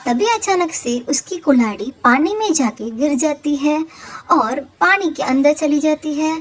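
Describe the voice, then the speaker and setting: A woman narrating a cartoon fable in a plain, steady storytelling way. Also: high-pitched, unhurried.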